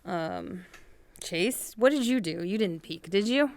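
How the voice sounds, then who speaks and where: A woman's voice: medium pitch, expressive, a little slow, darkish tone. A young adult woman co-hosting a podcast in casual chat, talkative and laughing easily, with plenty of fillers. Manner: chatty and laughing, with many fillers. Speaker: podcast co-host.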